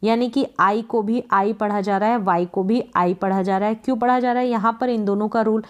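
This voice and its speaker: A woman teaching English pronunciation, explaining spelling rules step by step and repeating example words slowly and patiently. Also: mid-range voice, fairly even intonation, smooth. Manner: patient and repetitive, restating each rule. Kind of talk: explaining phonics rules, reading letter pairs and example words aloud.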